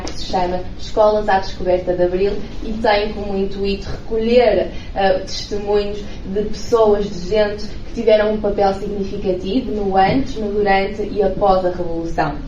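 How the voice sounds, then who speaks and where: A woman's voice: medium pitch, a little mellow, a little hiss or hum. A woman teacher politely explaining a school project and asking interview questions. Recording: echoey, distant, dull room.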